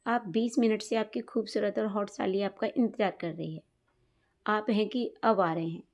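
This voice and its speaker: A woman's voice: medium pitch, fairly even intonation, normal speed, a little mellow, close to an everyday voice. A woman reading as a flirty teasing sister-in-law. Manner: playful, teasing.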